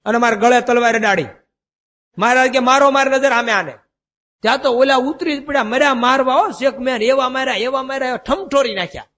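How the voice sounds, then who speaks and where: A man preaching a devotional sermon, chanting verses slowly and telling stories in a folksy way. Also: very high-pitched, fairly bright tone. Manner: chants verses slowly, then explains in a folksy storytelling manner. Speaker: swami preacher. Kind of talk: Gujarati devotional sermon with storytelling. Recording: long hall reverb.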